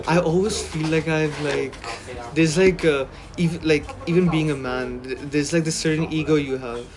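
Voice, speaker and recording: A man's voice: fairly high pitch, fairly even intonation, normal speed, a crowd in the background. Young man talking hesitantly. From Pakistan. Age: young adult. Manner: hesitant, many fillers and restarts. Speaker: interviewee. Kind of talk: casual interview conversation.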